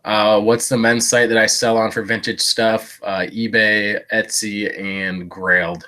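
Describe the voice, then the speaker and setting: Congested from a cold, this man's slightly low voice sounds blocked up as he wanders through a live-stream chat about his thrift haul, dropping lots of "uh"s and offhand jokes at his own expense. His delivery is flat, a little slow, and sharp in tone, captured on a live-stream setup.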